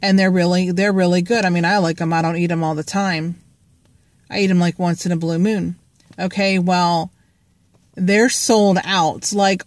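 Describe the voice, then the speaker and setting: A woman's voice: lowish voice, no echo. A woman, chatting in a rambling, joking way with lots of fillers, talking to her phone at arm's length in a parked car. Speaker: vlogger. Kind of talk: rambling casual vlog. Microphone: phone held at arm's length.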